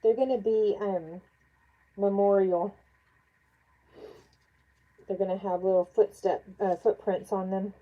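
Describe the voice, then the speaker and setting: A woman's voice: medium pitch, steady tone, takes it slowly, pauses often, dull audio. A woman chatting casually during a live craft stream, congested from allergies, thinking aloud and answering viewers by name. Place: home craft workspace.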